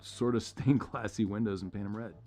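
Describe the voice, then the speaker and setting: A male host chatting casually and telling stories, animated at times and dropping to low mutters for asides. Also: brisk, soft background music. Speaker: podcast host. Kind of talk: casual chat. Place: studio suite.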